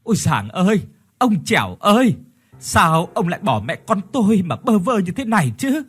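A man voicing a grieving village widow with a hoarse, mournful voice. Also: a little high, big pitch swings, moderate pace.

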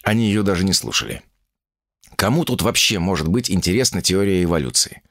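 Guy reading an audiobook, lively up-and-down voice, dry close sound. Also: sits low, a little fast, no echo. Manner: expressive, lively storytelling. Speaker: audiobook narrator. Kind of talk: audiobook narration.

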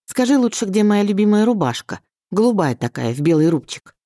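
A woman's voice: mid-range voice, big pitch swings, brisk, dark tone, no room sound, studio quality, pitched above the performer's own voice, lightly acted. A woman voicing an irritable middle-aged father who speaks curtly, grumbles and mocks. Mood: scornful. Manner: gruff, grumbling and sarcastic.

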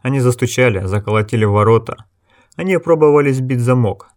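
A man's voice: mid-range voice, a little fast, a little mellow, dry recording, studio quality. A man narrating an audiobook in a tense, dramatic style. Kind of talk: scripted narration.

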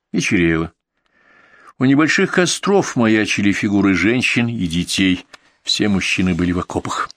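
A man narrates a historical novel for an audiobook at a measured, steady pace. His voice sits on the low side, recorded close and dry with no room sound. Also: dry recording. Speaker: audiobook reader. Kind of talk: scripted narration of historical prose.

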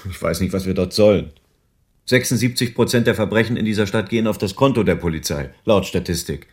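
A man with a low-pitched, natural voice speaks fairly quickly, playing a sober, world-weary private detective in a radio crime drama. He explains things patiently, his tone carrying sober concern.

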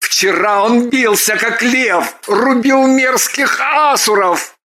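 A woman reading an audiobook plays a fussy, devoted manservant who shouts and fusses over his master. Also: fairly high pitch, takes it slowly, very noisy, voice pushed up. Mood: fussing. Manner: shouting, fussing. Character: loud, fussy male servant, devoted and excitable.

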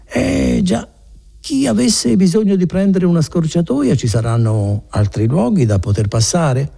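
A man voicing a guarded young villager, husky. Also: mid-range voice, huge pitch swings, normal speed, warm tone, pitched above the performer's own voice, full character voice. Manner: guarded, evasive. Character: wary young male mountain villager.

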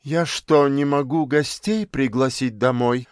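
A man's voice: medium pitch, unhurried, smooth, no room sound, studio quality, lightly acted. A man reading an audiobook, voicing a stern, scornful middle-aged mother who scolds her children sarcastically. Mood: indignant.

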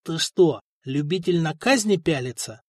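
A man's voice: fairly high pitch, lively intonation, a little slow, dry recording, studio quality, voice pushed up. A man voicing a squeamish, blunt male companion who mutters and asks reproachful questions. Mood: uneasy.

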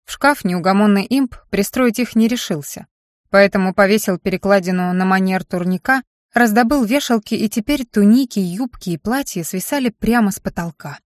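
A woman reading a first-person fantasy story aloud in a steady, measured narration. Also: mid-range voice, no echo, clean studio sound. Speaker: audiobook narrator. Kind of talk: scripted narration.

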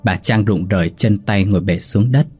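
Deep-voiced man telling a horror story. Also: slightly rough. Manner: measured, suspenseful storytelling. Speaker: narrator. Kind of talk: scripted horror story narration. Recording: soft background music.

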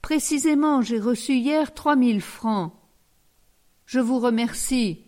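A woman's voice: on the high side, slow, mellow. A woman reading a stern old priest. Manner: firm, reproving. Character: stern older male parish priest.

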